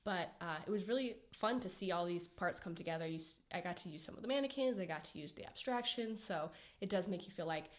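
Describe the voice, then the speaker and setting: A woman's voice: lowish voice, lively intonation, fast, hardly any pauses. Congested young woman vlogging casually. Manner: chatty, slightly spacey, laughs softly. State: congested from a cold. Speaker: art student vlogger. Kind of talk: casual progress update vlog.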